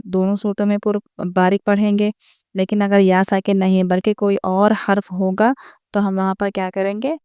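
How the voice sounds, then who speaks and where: A woman teaching a recitation lesson online. She explains each rule patiently, speaks straight to her viewers, and slows down to sound out example words. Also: medium pitch, smooth, dry recording, studio quality. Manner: patient step-by-step explaining, repeating each point; addresses viewers directly.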